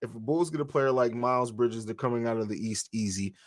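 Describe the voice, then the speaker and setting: A man's voice: medium pitch, fairly even intonation, a little fast, no echo, clean studio sound. A man hosting a live stream, chatting casually and answering viewer comments with frequent fillers. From grew up in Italy and Germany. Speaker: podcast host.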